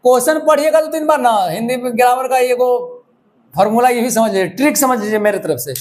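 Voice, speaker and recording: A man's voice: very high-pitched, quick pace, darkish tone. A man teaching a grammar lesson for exam preparation, talking to students in a loose, conversational way and often checking that they are following. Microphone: microphone.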